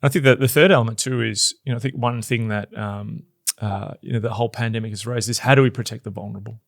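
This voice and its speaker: A man's voice: on the low side, steady tone, quick pace, vocal fry, dry recording, clean studio sound. A man co-hosting a podcast, chatting loosely with many restarts and fillers. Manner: rambling, many you-knows and restarts. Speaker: podcast co-host. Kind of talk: casual chat.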